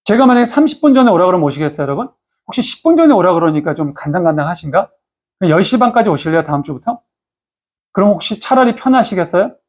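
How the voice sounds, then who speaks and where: A man's voice: high voice, big pitch swings, fast talker. A male pastor giving a Sunday sermon in a conversational, storytelling way, often turning to address the congregation. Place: church.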